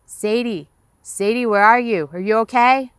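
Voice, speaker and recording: A woman voicing a father who calls out loudly and urgently across a river. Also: a little high, unhurried, smooth, no echo, voice pushed up, lightly acted. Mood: urgent calling.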